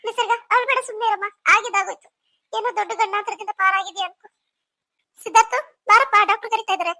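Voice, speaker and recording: A woman's voice: very high voice, steady tone, fast, sharp tone, dry recording, exaggerated voice. A woman voicing a caring sister-in-law who coaxes and fusses in a cartoon story. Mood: worried. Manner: coaxing, fussing.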